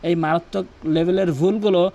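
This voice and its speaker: A man teaching Quran recitation. He chants the verses slowly and drawn out, then repeats single words to contrast the wrong pronunciation with the right one. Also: high voice, steady tone, dark tone. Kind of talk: recitation lesson with corrections.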